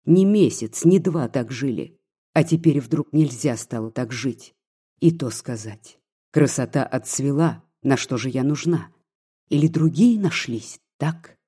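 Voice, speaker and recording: Man reading an anguished bitter woman begging, husky dark tone, raw pleading. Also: mid-range voice, expressive, measured pace. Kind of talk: audiobook reading.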